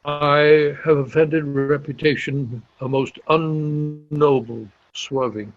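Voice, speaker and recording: This amateur actor, in a Shakespeare read-aloud, gives voice to a grey-flecked older general who is despairing, shamed and self-reproaching, stumbling and halting through it with exclamations. His voice is on the high side with a steady tone, and the mood is bitter and ashamed. Audio comes from a dull lo-fi video call with faint music.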